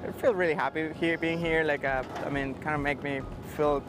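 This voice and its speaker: A man from Rica, a cinematographer speaking haltingly in a casual interview. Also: fairly high pitch, steady tone, music in the background. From Costa Rica. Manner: halting, laughs easily.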